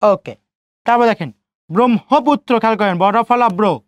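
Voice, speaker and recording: A male teacher giving an exam-prep lecture, repeating key points slowly and asking questions that he answers himself. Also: high-pitched, dry recording. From Bangladesh. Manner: asks students rhetorical questions and answers them himself.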